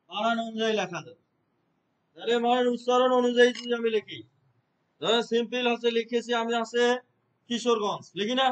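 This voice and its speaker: A man teaches a computer class, explaining each step and frequently checking with short questions that his students follow. His voice is very high-pitched, and the recording quality is low.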